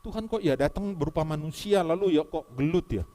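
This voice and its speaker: High-voiced man preaching a sermon. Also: brisk. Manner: emphatic, swings between soft asides and loud exhortation. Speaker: pastor.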